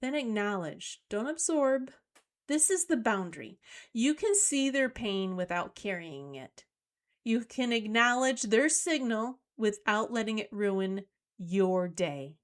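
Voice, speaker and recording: A middle-aged woman hosting a solo talk on emotional skills, coaching listeners in a slow, deliberate way. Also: fairly high pitch, animated. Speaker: host.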